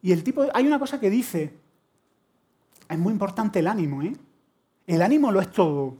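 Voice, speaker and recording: A man's voice: high-pitched, normal speed, husky. A middle-aged preacher with an accent from Spain delivers a sermon. He tells stories with humor and energy, shifting easily between jokes and earnest exhortation. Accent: Spain Spanish. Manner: animated storytelling with humor.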